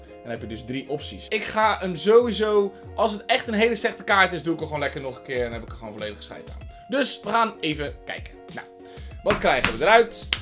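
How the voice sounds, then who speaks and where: A man chatting loudly and playfully as a gaming vlogger, joking around and slipping into silly voices. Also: fairly high pitch. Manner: loud, playful, jokey, shifts into silly voices. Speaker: gaming YouTuber. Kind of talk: excited gaming vlog chat.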